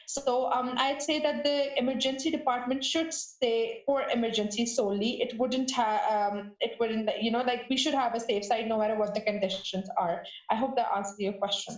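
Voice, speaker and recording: A woman on a podcast panel answering a question off the cuff, pausing, restarting and searching for words. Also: fairly high pitch, steady tone. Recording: roomy, dull lo-fi sound.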